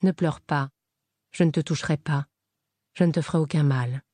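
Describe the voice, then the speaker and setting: A tall, gentle and protective man, read by a woman, speaks softly and reassuringly in a studio audiobook. Her low, mellow voice carries his calm, and the recording is dry and close. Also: normal speed, dry recording. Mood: tender, protective.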